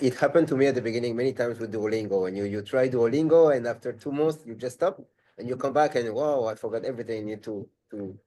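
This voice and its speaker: French accent guy tutoring in a webinar, warm low-key tone, keeps rephrasing himself. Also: poor audio. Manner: thinks aloud, rephrasing as he goes. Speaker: language tutor. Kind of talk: live webinar talk.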